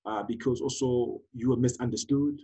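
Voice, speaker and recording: Husky man talking in a mellow voice. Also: mid-range voice, normal speed, low-quality recording. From South Africa. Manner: animated, exclaims often, many fillers and restarts. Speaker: prophet guest. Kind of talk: casual conversation.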